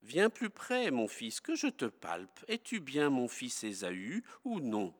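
A man reading the lines of old Isaac, a blind father, solemn and measured in tone. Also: medium pitch, huge pitch swings. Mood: doubting. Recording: long hall reverb.

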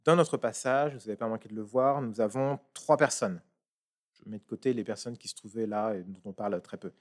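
A man reading a passage aloud and then preaching on it in a measured, emphatic way. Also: on the low side. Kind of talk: sermon with scripture reading.

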